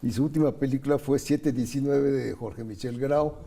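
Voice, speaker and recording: A middle-aged man talks films in an easy, conversational way, his voice gravelly and a little husky. The tone is warm and dark, and he lingers over the details of actors' careers as he recalls them. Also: mid-range voice, fairly even intonation, normal speed. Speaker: film critic co-host. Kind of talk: casual conversation about film.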